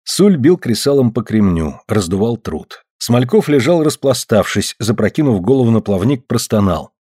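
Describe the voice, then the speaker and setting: A man tells a story in an expressive audiobook reading, his pitch moving freely up and down. His voice is husky, and the recording is dry and close. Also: moderate pace, dry recording. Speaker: narrator.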